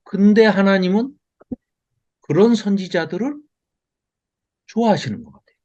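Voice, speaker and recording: Male Bible teacher on a video call, lively pitch, fairly high voice, dull lo-fi audio, quizzes his class. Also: normal speed. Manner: lively and expressive, chuckles often, asks the class questions. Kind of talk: online Bible lecture.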